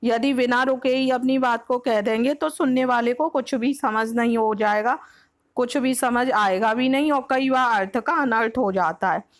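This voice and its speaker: A woman's voice: a little high, moderate pace. A woman teacher with a Hindi accent from Uttar Pradesh, explaining grammar for an exam-prep lesson, patiently repeating each point and slipping English words into her Hindi. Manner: mixes English words like next and example into Hindi.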